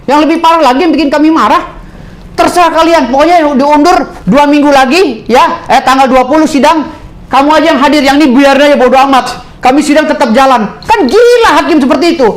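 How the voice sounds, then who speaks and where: A man's voice: very high voice, a little fast. A man, a lawyer answering interview questions in a heated, indignant way. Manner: indignant, animated, mimics others.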